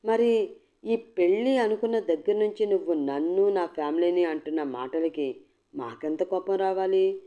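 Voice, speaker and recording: A woman's voice: fairly low pitch, mellow, lightly acted. Woman voicing a defiant, cutting young woman. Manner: cutting, mocking, firm. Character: defiant young woman, sharp-tongued and unbowed. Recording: dull lo-fi recording.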